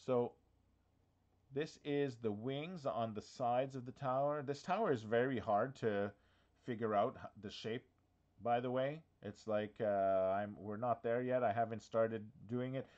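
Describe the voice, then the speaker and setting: A man chats casually into a live office camera, hesitating, filling gaps and restarting his thoughts as he goes. He has the hiccups, and the sound is a little dull and lo-fi. His pitch sits in a middle range. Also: unhurried, darkish tone. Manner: chatty, hesitant, thinking aloud with fillers. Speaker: diorama workshop host.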